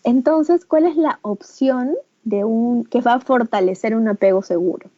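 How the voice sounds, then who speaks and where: A Peruvian woman with a warm, somewhat high voice gives a teacher training lecture over a video call. She explains at an even pace and often checks in with her listeners. Her sound is dry and slightly muffled. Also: a little slow, no echo. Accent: Peruvian Spanish. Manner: explanatory, with frequent "¿no?" tag questions; acts out caregiver phrases in a higher, livelier voice.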